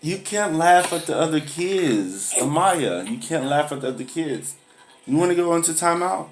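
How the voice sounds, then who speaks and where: A woman's voice: deep voice, animated, moderate pace, a little hiss or hum. A woman playing a patient but firm schoolteacher who drills grammar and scolds a pupil for laughing at classmates. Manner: patient, corrective, lecturing on humility. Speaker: teacher. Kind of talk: comedy skit acting.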